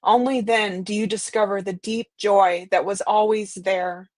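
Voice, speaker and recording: A woman's voice: mid-range voice, steady tone, unhurried, no echo. Woman, co-host, reading quotes, emphatic, dry close mic. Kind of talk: reading quotes aloud in a live talk.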